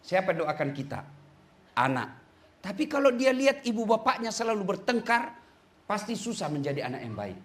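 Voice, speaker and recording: A man's voice: sits high, big pitch swings, normal speed. A middle-aged man preaching a humorous sermon to women, joking and switching voices for the people he quotes.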